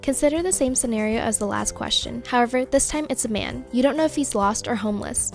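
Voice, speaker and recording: A woman reading out survey scenarios in a clear, measured way. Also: a little high. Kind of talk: scripted reading. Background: background music.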